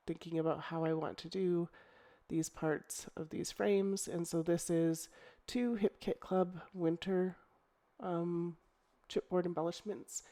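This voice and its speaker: Croaky from a cold, a middle-aged scrapbooking crafter with a fairly low voice chats through her project in a casual tutorial narration. She's relaxed, thinking aloud with plenty of ums and restarts.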